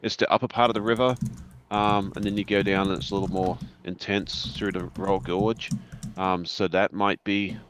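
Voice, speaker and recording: A man's voice: lowish voice, flat delivery, moderate pace, a bit bright, slight background noise. A middle-aged man chatting as a guest on a livestream, rambling and self-deprecating in an easygoing way. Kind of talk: casual livestream chat.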